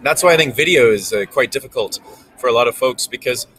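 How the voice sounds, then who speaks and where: A man's voice: medium pitch, animated, fast talker, fairly bright tone, slight background noise, poor audio. A man giving a reflective vlog monologue to camera, thinking aloud in a casual way with frequent ums. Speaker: vlogger. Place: recording alone in front of a camera.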